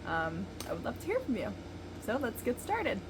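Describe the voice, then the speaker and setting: A woman's voice: a little high, wildly swooping pitch, normal speed, background noise. A woman in her thirties giving a casual, chatty painting tutorial from a basement, recorded far from the mic without a proper microphone. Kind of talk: casual hands-on tutorial talk. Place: basement studio, indoors. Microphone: no external microphone, camera at a distance.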